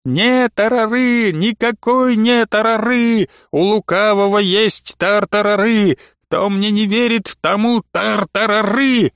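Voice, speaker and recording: Male narrator doing a shrill frenzied nun, high and stretched-out, dry close sound. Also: a bit bright, clear, resonant tone, no room sound, heavily acted. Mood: frenzied shrieking. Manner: shrill, drawn-out shrieking. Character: frenzied screeching young holy-fool nun, woman.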